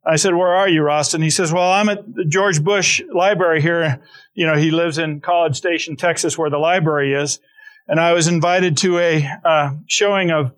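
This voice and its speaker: A man's voice: fairly high pitch, fairly bright tone. A middle-aged man preaching a conversational sermon, telling stories with frequent restarts and asides. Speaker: pastor.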